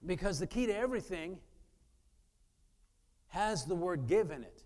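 A man's voice: sits high, moderate pace, in a large hall. A man preaching a conversational sermon as pastor, telling stories and acting out both sides of conversations. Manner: animated storyteller, voices both sides of conversations. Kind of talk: conversational sermon with acted-out dialogue. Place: church sanctuary.

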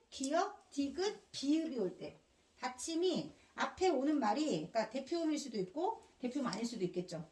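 A woman's voice: sits high, darkish tone, recorded from a distance. A woman teaching a Korean grammar lesson, drilling students with repeated questions and slipping in casual slang. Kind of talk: classroom lecture.

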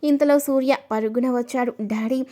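A woman narrating a family story in a steady, plain storytelling manner. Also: fairly high pitch, moderate pace.

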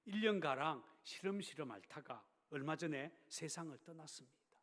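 A poor mother from a village, grieving yet calm and steadfast, tells her story quietly and plainly, voiced by a man in the middle of a sermon. The voice sits a little high. A long reverb rings around her as if in a church hall. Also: moderate pace.

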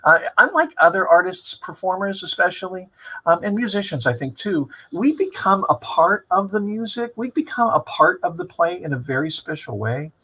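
A man in his fifties with a husky voice gives an informal online lecture in a rambling, reflective, professorial way. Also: high voice, sing-song, normal speed, sharp tone, poor audio. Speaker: theater director giving a talk. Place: small room with brick wall and window, indoors.

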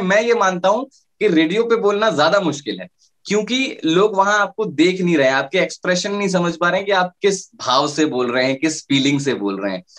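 A man's voice: a little high, a bit bright. A male radio jockey explaining his career in a casual interview, with frequent fillers and restarts.

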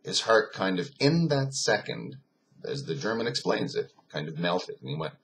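A man's voice: deep voice, sing-song, normal speed, a bit bright, slight background noise. A man giving an informal philosophy talk, telling a story with emphasis, many fillers and a rambling flow.

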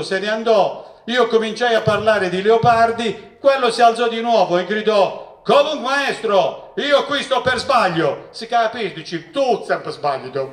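Man in his sixties, humorous storyteller, roomy hall, far from the mic. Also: sits high. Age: 60s. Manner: joking, lively storyteller who acts out voices in quotes. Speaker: professor giving a public talk. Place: event hall with seated audience. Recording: echoey hall, distant mic.

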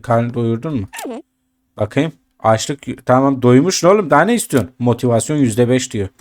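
A man giving casual gameplay commentary as a gaming YouTuber, chatting to his viewers and grumbling and swearing at the game as he plays. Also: mid-range voice.

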